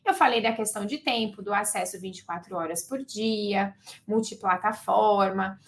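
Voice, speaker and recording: A woman teaching sales techniques in a lively, conversational way, acting out sales calls as she goes. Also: mid-range voice, normal speed. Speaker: sales trainer. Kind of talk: conversational teaching with role-play examples.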